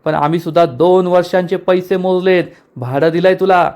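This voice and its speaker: Guy reading an angry woman scolding her rival, accusing, high-ish voice. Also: fairly even intonation, moderate pace, darkish tone. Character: angry wronged woman, tenant and rival wife.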